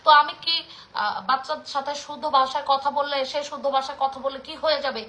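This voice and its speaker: Fast, bright-voiced indignant Bangladeshi woman. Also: sits high, fairly even intonation. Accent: Bangladeshi Bengali, Mymensingh. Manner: passionate, indignant, scolding. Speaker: vlogger speaking to her audience. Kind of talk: casual spoken rant to viewers.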